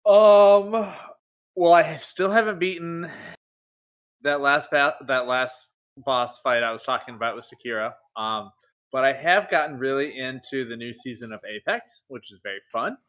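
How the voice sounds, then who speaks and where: A man on a gaming podcast with a bright, sharp-edged voice. He teases his co-hosts and rambles through his points, filling the gaps with ums. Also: medium pitch, normal speed. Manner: teasing, rambling with many ums. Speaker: podcast co-host. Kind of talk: casual gaming podcast chat.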